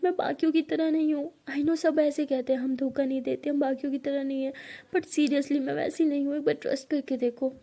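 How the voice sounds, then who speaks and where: A young woman in love begs tearfully for an answer, as a storyteller puts her on. The voice sits high and sounds mellow, pressing and emotional rather than loud. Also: level tone, a little fast. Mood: pleading. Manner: begging, emotional.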